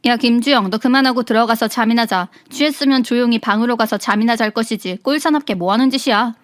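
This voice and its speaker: A woman's voice: fairly high pitch, fast talker, dry recording, studio quality, lightly acted. A woman voicing a short-tempered young husband who talks in a curt, scolding way. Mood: angry.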